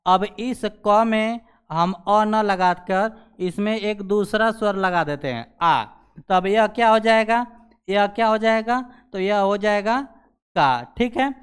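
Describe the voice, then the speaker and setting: Clear-voiced man teaching a lesson. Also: sits high, a little slow. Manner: repeats "ठीक है" after nearly every sentence; asks questions and answers them himself. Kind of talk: classroom grammar lesson.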